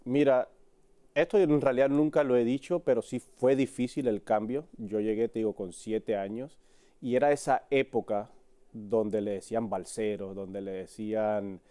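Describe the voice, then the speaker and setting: With a low, smooth, mellow voice, fairly even intonation and normal pace, a Cuban sports reporter with a Mexican accent speaks candidly as an interview guest. The conversation is casual, and he talks in short, broken phrases.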